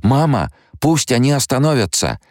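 A man's voice: medium pitch, big pitch swings, moderate pace, a little mellow, no echo, studio quality, pitched above the performer's own voice, natural voice. A man voicing a pleading, childlike young woman. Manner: plaintive, begging.

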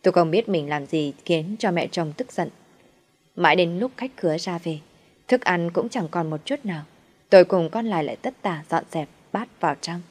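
Low-voiced woman narrating a story. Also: normal speed, a little mellow. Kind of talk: first-person story narration.

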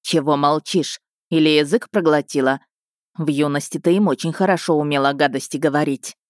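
A woman's voice: deep voice, fairly even intonation, brisk, no echo, clean studio sound, close to an everyday voice. A woman narrating an audiobook voices an arrogant, mocking young nobleman. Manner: mocking, contemptuous.

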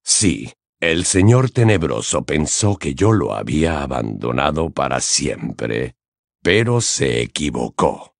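A man voicing a calm, calculating, sardonic man in an audiobook, speaking slow, low and measured. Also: creaky, no echo, studio quality, full character voice. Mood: cold. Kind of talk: audiobook character voice.

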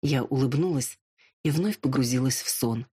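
Husky audiobook narrator. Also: mid-range voice, moderate pace, mellow. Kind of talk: first-person scripted narration.

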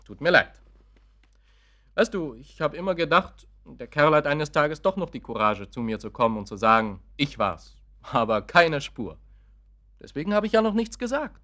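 A troubled cashier under suspicion. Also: male voice, very animated, normal speed. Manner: agitated, swinging between loud outbursts and low mutters. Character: worried man handling the cash, fearing suspicion. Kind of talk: radio play acting.

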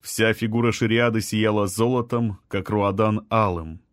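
A man reading a first-person fantasy story in an even, measured way. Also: lowish voice, no echo, studio quality. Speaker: audiobook reader.

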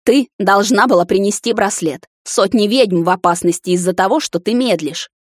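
A woman's voice: mid-range voice, normal speed, no room sound, studio quality, close to an everyday voice. A woman voicing a furious, imperious middle-aged witch mother in an audiobook, harsh and scolding. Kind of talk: audiobook character voice.

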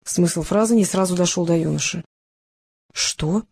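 An audiobook narrator reading a crime story in a steady, measured way. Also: medium pitch. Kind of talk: scripted narration.

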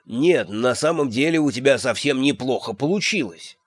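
A man's voice: mid-range voice, animated, normal speed, dry recording, clean studio sound, lightly acted. A man voicing a nervous young male servant who speaks weakly and timidly. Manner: weak, timid.

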